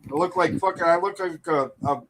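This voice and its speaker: Guy with a slightly high voice cracking jokes and swearing, loose podcast banter. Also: normal speed, a bit bright, slight background noise, low-quality recording. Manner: profane, joking and teasing. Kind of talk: casual banter.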